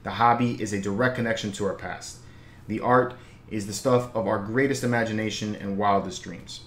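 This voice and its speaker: A man's voice: on the low side, steady tone, moderate pace, a bit bright. Older man, interview host, upbeat and loose, stumbles on questions, echoey room. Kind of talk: scripted introduction and casual questions. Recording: echoey room, faint noise.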